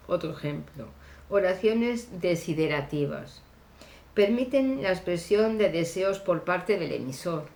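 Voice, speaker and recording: A woman teacher explaining grammar slowly and deliberately, pausing often with fillers. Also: fairly low pitch, a little mellow, roomy sound. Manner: deliberate, hesitant with frequent fillers. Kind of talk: slow classroom grammar explanation.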